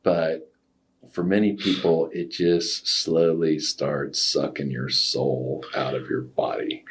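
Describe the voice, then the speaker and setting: A man's voice: a bass voice, level tone, slow pace, a little hiss or hum. A man co-hosting a podcast, chiming in with quips and questions. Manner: chimes in with quips and laughs. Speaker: podcast co-host. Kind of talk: casual chat.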